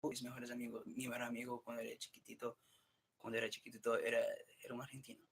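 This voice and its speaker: Man, casual monologue, profane, rambling, self-interrupting, mixes english and spanish, mid pitch. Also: monotone, fast talker, creaky, fairly bright tone, breathy edge. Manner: switches between English and Spanish. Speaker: streamer talking to himself.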